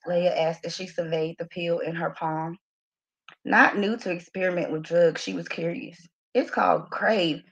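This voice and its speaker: A woman's voice: lowish voice, gravelly, highs cut off. A woman reading the first chapter of her own novel aloud from her phone, voicing the characters' lines with expression. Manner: expressive reading with laughing asides to a live audience.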